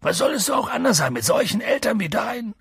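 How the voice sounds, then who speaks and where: Gruff giant groundskeeper put on by a narrator, booming, gravelly, husky, audiobook. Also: sing-song, brisk, a bit bright, dry recording, clean studio sound, heavily acted. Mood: gentle. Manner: booming outbursts, gruff and indignant. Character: giant gruff male groundskeeper, hot-tempered. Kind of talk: audiobook reading.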